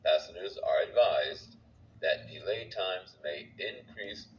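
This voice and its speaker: A man giving an automated public announcement over a station loudspeaker, with a slow, measured, formal delivery. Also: low-pitched, slight background noise. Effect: heard over a station loudspeaker. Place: outdoor train platform. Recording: echoey, dull loudspeaker from far off.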